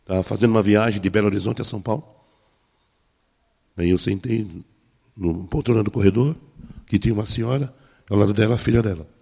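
A man's voice: on the low side, brisk, gravelly, long pauses, breathy edge. A man, a pastor preaching a sermon and telling personal stories, acting out the dialogue. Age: 60s. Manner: storytelling, acting out dialogue with soft laughs.

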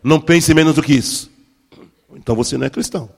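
A pastor in his 60s preaches a sermon in a slightly high, fast, creaky voice. He tells personal stories and acts out the dialogue, adding soft laughs.

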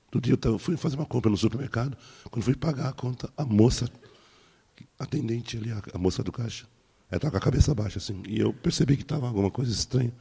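A man's voice: medium pitch, fast talker, vocal fry, husky. A man, a pastor preaching a sermon and telling personal stories, acting out the dialogue. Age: 60s. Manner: storytelling, acting out dialogue with soft laughs.

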